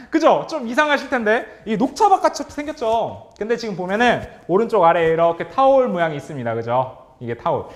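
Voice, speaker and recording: A man leading a workshop for teachers as a trainer, upbeat and animated, calling on the audience, praising their answers and chuckling often. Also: high-pitched, a little fast, hardly any pauses. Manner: chuckles often between remarks. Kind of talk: online workshop quiz for teachers.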